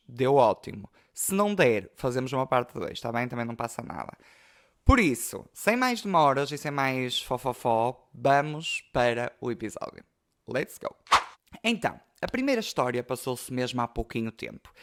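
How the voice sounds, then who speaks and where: A man's voice: medium pitch, fairly bright tone. Chatty young Portuguese man telling stories. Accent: European Portuguese. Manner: chatty, emotional, many fillers. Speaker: podcast host. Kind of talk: casual storytelling.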